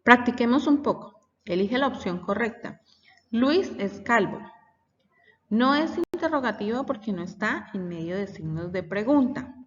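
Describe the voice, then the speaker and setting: A woman's voice: a little high, lively intonation, normal speed, recorded from a distance, slight background noise. A woman teacher, patiently explaining a lesson for children. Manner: patient, explanatory, reading example sentences aloud. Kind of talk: recorded classroom lesson for children. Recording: dull audio with long reverb.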